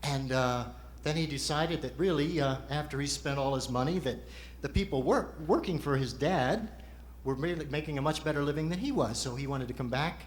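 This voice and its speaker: A man's voice: fairly high pitch, fairly quick. A man performing as a ventriloquist's straight man, asking patient, explanatory questions in a conversational stage routine.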